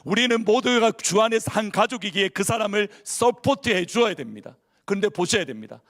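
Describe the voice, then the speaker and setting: A man's voice: high voice, expressive, a little fast, fairly bright tone. A male pastor preaching a sermon in a church, asking the congregation questions and acting out people's inner worries. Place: church sanctuary.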